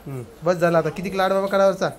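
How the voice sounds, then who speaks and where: A man's voice: high voice, fairly even intonation, fast talker. A man, a family vlogger and father, chatting casually in a home kitchen while filming on a phone, coaxing his small child and turning to speak to viewers. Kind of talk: casual home vlog chat.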